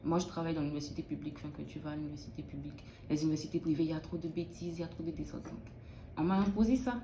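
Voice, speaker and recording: A woman's voice: low-pitched, steady tone, very fast, reverberant, background noise. A young woman from Benin, a student in early childhood education, answering interview questions in a thoughtful, hesitant way with many restarts.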